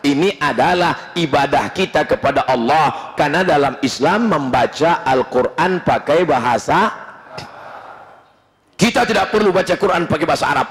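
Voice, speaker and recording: A man preaching a humorous, lively sermon in a mosque, with bursts of shouting. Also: fairly high pitch, moderate pace. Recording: long reverb in mosque hall.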